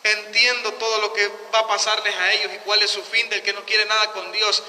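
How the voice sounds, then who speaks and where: A man preaching a sermon in a very high, sharp, piercing voice. He is emphatic, acts out the people he quotes and keeps calling his listeners brothers. A long reverb trails his words through a church hall. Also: little pitch movement, a little fast. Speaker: lay preacher.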